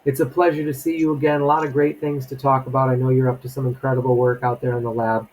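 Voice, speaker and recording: A man's voice: medium pitch, level tone, quick pace, darkish tone, slight background noise, poor audio. A man hosting a podcast interview, giving upbeat, welcoming introductions and asking questions. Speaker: podcast host.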